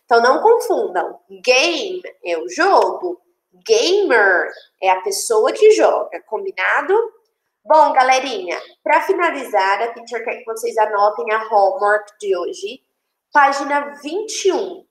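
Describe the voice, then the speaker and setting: A woman with a Brazilian accent, teaching English to children in an online class and explaining each line in Portuguese in a lively way. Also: on the high side, measured pace. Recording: echoey room.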